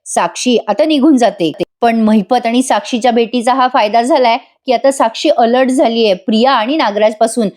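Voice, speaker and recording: Woman doing a chatty serial recap, talks straight to viewers, higher voice. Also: moderate pace, few pauses, a little mellow. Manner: chatty, addresses viewers directly. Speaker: TV serial reviewer. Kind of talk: voice-over episode recap.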